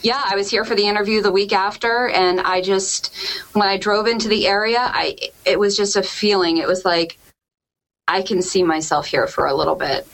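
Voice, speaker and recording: Woman in her 30s, from Connecticut, TV weather guest, chatty and quick to laugh, even middle pitch. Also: rough recording. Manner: chatty, laughs often, acts out her own past thoughts. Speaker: TV meteorologist guest. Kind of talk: casual interview chat.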